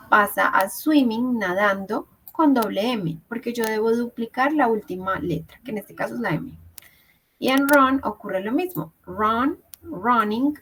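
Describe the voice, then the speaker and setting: A woman teaches English grammar in an online class, walking through each rule patiently. Her voice sits on the high side. She keeps checking that her students follow. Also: a bit bright, husky, poor audio. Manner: patient, explains step by step, checks with "¿listo?". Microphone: video call.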